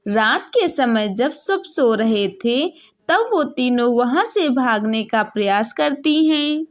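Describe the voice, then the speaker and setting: A woman with a rather high voice narrates a scripted children's story slowly, in an expressive and dramatic storytelling style.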